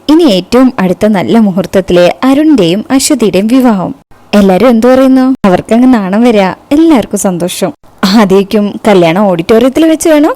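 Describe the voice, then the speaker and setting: A woman's voice: mid-range voice, mellow. A woman casually retelling a TV serial episode scene by scene, quoting each character's lines in turn. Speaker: TV serial recap narrator.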